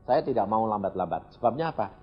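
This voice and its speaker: A man's voice: fairly low pitch, animated, fast, slightly rough. An older Indonesian man preaching a blunt, plainspoken sermon and acting out his quoted exchanges. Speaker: evangelist preacher. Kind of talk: sermon with personal testimony. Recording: dull lo-fi sermon recording with faint music.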